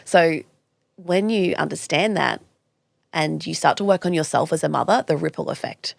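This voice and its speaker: A woman's voice: low-pitched, moderate pace, vocal fry, no echo. A woman, a guest talking earnestly and reflectively in a podcast interview. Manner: earnest, reflective, frequent restarts. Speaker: guest, clinical nutritionist.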